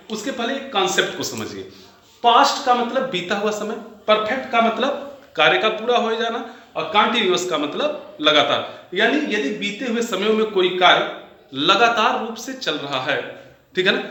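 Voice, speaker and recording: A man's voice: high voice, pushed and bright. A man teaching a grammar lesson to viewers, explaining step by step and repeating his examples. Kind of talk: Hindi-medium grammar lesson. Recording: very echoey room.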